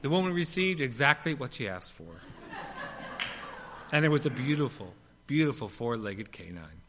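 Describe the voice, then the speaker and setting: A male pastor preaching a sermon, swinging between loud emphatic lines and hushed ones, with playful humorous asides. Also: mid-range voice, big pitch swings, moderate pace, noisy background.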